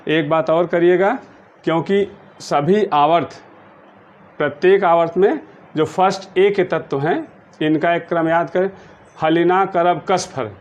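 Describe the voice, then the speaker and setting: Lo-fi teacher chanting mnemonics. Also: male voice, a little high. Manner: patient, repetitive, slow sing-song chanting of mnemonics. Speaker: chemistry teacher. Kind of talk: blackboard-style lesson explanation. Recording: dull lo-fi recording.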